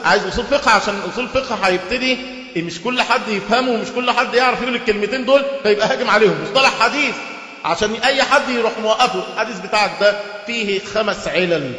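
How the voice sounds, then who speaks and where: A man with an Egyptian accent giving a lively, sarcastic religious lesson, mimicking others and slowing down to recite texts. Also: high-pitched, echoey room, in a large hall. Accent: Egyptian Arabic.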